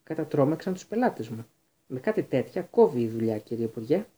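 A man putting on a chatty, curious innkeeper woman in a storybook, gossiping across the table in a raised but still dark, mellow voice. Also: medium pitch, very animated, slightly rough.

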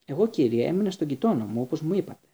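A man's voice: on the high side, sing-song, warm tone. A wary schoolboy, read by a man. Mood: feigned innocence. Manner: guarded, mock-innocent. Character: schoolboy feigning innocence, wary.

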